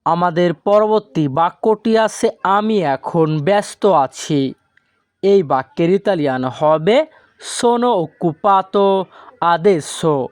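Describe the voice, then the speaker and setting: A man teaching a language lesson from a script, slowly and deliberately, drawing out each foreign word. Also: high-pitched, clear, resonant tone, no room sound, studio quality. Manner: slow and deliberate, stretches out foreign words.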